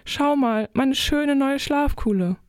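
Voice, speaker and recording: A woman voicing an excitable female crab who is quickly upset, in a children's audio story. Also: sits high, no room sound, studio quality, pitched above the performer's own voice. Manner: bright, emotional, quick to despair.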